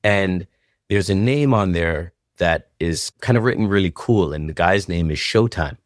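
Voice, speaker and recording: A man's voice: low-pitched, normal speed, no room sound, clean studio sound. A man, a guest choreographer telling stories casually and acting out what people said. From Toronto, Canada. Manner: animated, acts out quoted dialogue in different voices. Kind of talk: casual storytelling interview.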